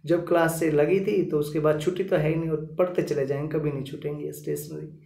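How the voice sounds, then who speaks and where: A man's voice: fairly high pitch, fairly even intonation, a little fast, dark tone, roomy sound. A man teaching a vocabulary lesson, repeating each word several times and checking in with his listeners as he goes. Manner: repetitive, drilling each word with "ठीक है".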